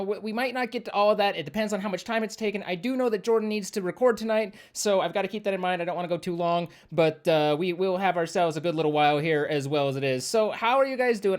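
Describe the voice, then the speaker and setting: A man's voice: high voice, smooth. Guy streaming a game live, hyped and rambly, pokes fun at himself, casual chatty talk. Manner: excitable and rambling, self-deprecating.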